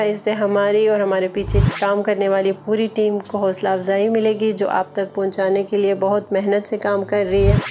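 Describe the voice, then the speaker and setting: A woman teaching Quran recitation rules, explaining each point patiently and stretching out the verses slowly. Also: medium pitch, background noise. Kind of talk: recitation lesson.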